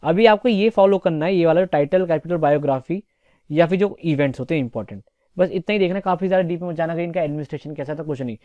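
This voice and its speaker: A young man teaches exam preparation topics in a casual, chatty lecture, regularly checking in with his students and often saying "theek hai." His voice is a little high and he talks fast. The recording is lo-fi with no echo.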